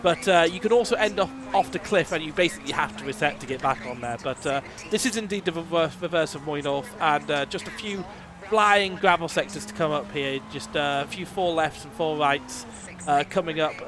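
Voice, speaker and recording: A man's voice: a little high, brisk. A man giving chatty live commentary on a sim racing rally, joking with his co-host. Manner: chatty, joking, reads stage details.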